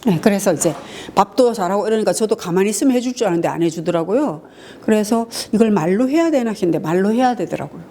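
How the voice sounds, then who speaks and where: Lively woman lecturer acting out quarrels. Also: medium pitch, quick pace, slight background noise. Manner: acts out quarrels in mock voices, frequent "예" fillers. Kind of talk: lively lecture on couples' communication. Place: lecture hall.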